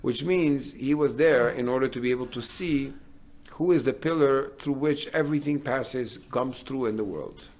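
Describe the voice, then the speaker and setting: A middle-aged male rabbi delivers a sermon in a voice of ordinary pitch for a man. He talks earnestly and builds up to emphatic declarations. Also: normal speed, hardly any pauses, a little mellow.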